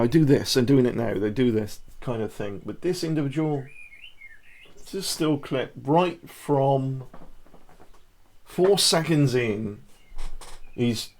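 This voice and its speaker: Slow, gravelly man explaining body language. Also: medium pitch, a little mellow. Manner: demonstrative, talks the viewer through poses. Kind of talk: casual commentary to camera.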